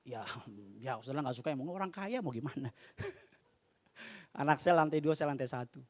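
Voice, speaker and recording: High bright preaching man in echoing hall. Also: moderate pace. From Indonesia. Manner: jokey, swings between loud preaching and quiet asides. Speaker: pastor. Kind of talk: sermon.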